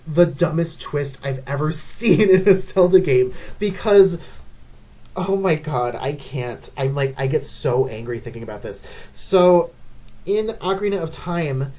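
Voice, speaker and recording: Exasperated low-voiced woman ranting. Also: warm tone. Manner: exasperated, ranting, frequent "like" fillers. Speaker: video creator ranking game characters. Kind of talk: unscripted ranting commentary.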